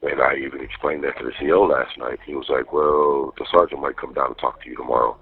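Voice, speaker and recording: A jail inmate calls his partner on a muffled prison line, chatting casually in profane street slang. His very deep, gravelly voice is slightly rough, with fairly even intonation and a quick pace, and there's no room sound.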